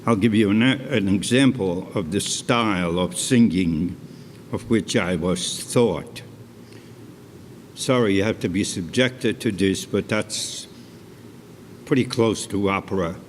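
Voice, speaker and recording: An older Polish man, a stage storyteller and cantor whose first language is Polish, slowly and deliberately recounts his life story from a concert hall stage. His fairly low voice carries chatty asides to the live audience. A long hall reverb and faint hum sit behind his words.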